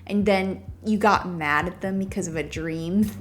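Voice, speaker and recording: A woman's voice: fairly low pitch, a little slow. A woman giving casual, playful game commentary, thinking aloud and talking back to the characters. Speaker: gamer playing through a story game.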